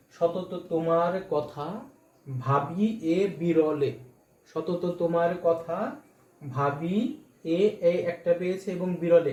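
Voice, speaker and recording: A man with a high, mellow voice teaches poetic meter, explaining each step and slowing down to count syllables aloud. The room around him is echoey. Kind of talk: exam-prep lesson on poetic meter.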